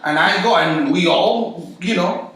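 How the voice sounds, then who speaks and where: A man's voice: high voice, measured pace, fairly bright tone. A man with a Guatemalan, Central American accent teaching a small Bible study group informally, with rhetorical questions and repetition. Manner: conversational, uses rhetorical questions and repetition for emphasis. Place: echoey indoor room. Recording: echoey room, distant mic, faint noise.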